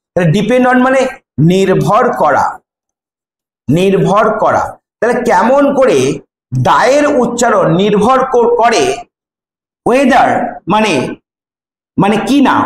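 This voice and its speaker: A man's voice: high voice, roomy sound, a little hiss or hum, rough recording. A man teaching a textbook lesson line by line. He repeats words and asks and answers his own questions. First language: Bengali.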